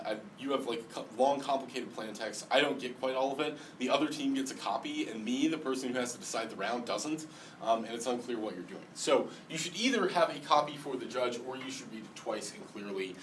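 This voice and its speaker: A man with a slight lisp gives an explanatory classroom lecture, often pausing with ums and restarting sentences. He sounds set back from the microphone, and a faint background hiss stays under his voice. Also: medium pitch. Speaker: debate lecturer. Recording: distant mic, faint background noise.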